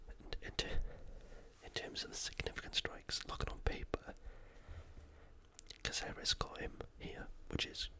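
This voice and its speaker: In an unvoiced, breathy ASMR whisper, a host from the United Kingdom talks through sports at a casual, leisurely pace for his fight preview videos.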